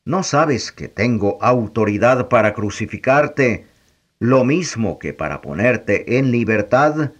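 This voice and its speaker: Guy reading as a wary roman governor, slow questioning tone, steady pitch. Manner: questioning, measured. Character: stern Roman governor, middle-aged man, wary.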